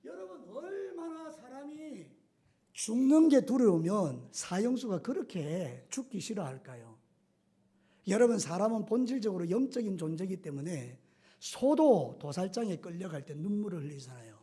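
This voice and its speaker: A middle-aged male pastor preaching a sermon with animated storytelling, acting out scenes and voices. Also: sits high, moderate pace, breathy edge.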